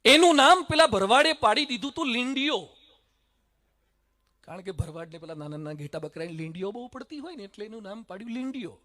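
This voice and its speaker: A man giving a dramatic stage speech full of stories, swinging from loud to hushed. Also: very high voice, big pitch swings, a little fast. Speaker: public speaker. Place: stage at a public event.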